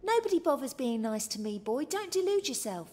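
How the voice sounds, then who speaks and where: A woman's voice: high voice, big pitch swings, a little fast, a little mellow, slight background noise. An actress voicing a bitter, dismissive young woman in a video game, with a scornful, snapping delivery.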